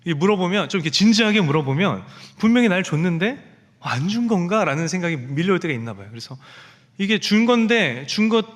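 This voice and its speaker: A man's voice: on the high side, in a large hall. A man preaching a sermon as pastor, telling stories and acting out the voices of the people in them. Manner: storytelling, acting out quoted speech. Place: church sanctuary.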